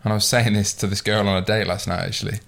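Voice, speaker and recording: A man's voice: fairly low pitch, flat delivery, quick pace, vocal fry, a bit bright. A man in his twenties hosting a podcast, chatting casually, swearing freely and reflecting on himself. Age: 20s. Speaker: podcast host. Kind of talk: casual chat.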